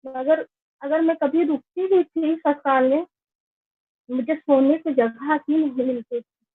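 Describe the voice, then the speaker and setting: A woman tells her own life story in a high, unhurried voice, in an earnest and plain way. The sound is tinny and phone-like, with a dry, close feel. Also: steady tone, no echo. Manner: slow, earnest, plain recounting. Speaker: network marketing member giving a testimonial. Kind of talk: personal life-story testimony.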